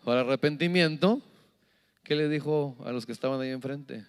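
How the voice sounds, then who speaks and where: A man preaching a sermon as pastor, animated, asking the congregation questions and acting out little scenes. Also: medium pitch, brisk, smooth. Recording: long hall reverb.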